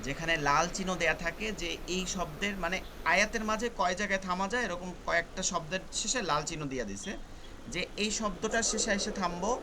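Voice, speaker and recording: A man's voice: high voice, fast talker, background noise. A male Quran teacher, patiently explaining rules step by step in an online class. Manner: patient, repeats points step by step.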